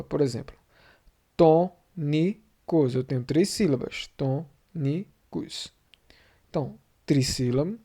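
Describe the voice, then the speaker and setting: A man with a Brazilian Portuguese accent teaching a video lesson, repeating key terms and slowing down to spell out syllables. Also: fairly high pitch, mellow. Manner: repetitive, slows down to spell out syllables and endings.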